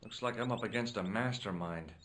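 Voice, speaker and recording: An actor playing a calm young male amateur detective in a video game, questioning a witness in a dry, level way. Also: on the low side, fairly quick, a little hiss or hum, close to an everyday voice.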